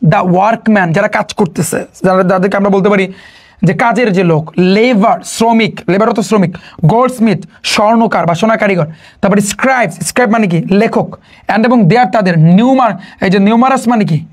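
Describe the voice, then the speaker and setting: A tutor talks through an exam-prep lesson at a middle pitch. English terms are slipped into the explanation, and the same quiz question comes back again and again until the answer sticks. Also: normal speed. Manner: mixes English words into Bengali, quizzes listeners with repeated questions. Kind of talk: online exam-prep lecture.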